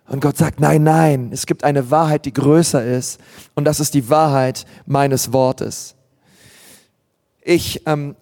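A male pastor delivering a sermon, earnest and emphatic, who drives his points home by repeating them. His voice sits fairly high for a man. The sound carries a long echo, as if from a big hall. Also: a little mellow.

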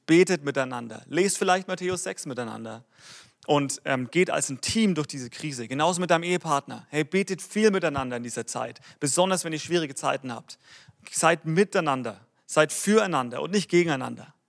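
Pastor guy in his 30s preaching, talks right at you, kinda high voice, slows down for the big points. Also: a bit bright. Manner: direct, encouraging, speaks to the listener as du. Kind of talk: sermon.

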